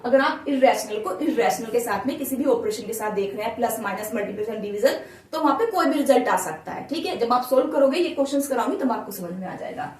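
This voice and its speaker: High-voiced woman teaching math. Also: animated, quick pace. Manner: patient, repeats steps and checks with "ठीक है" and "है ना". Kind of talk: classroom lesson explained at a whiteboard. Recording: echoey room, voice a bit far from the mic.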